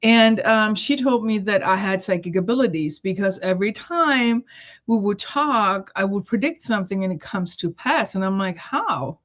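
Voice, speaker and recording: Animated and moderately paced, a medium-pitched woman recounts her story as a guest in a relaxed, chatty interview. She's a middle-aged intuitive reader and healer raised in Germany who laughs a lot and leans on filler words.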